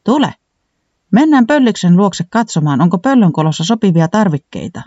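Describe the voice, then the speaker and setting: A man's voice: sits high, big pitch swings, darkish tone, no room sound, dull audio, pitched above the performer's own voice. Man doing a bubbly, eager builder creature. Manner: bubbly, exclaiming, bursting with ideas.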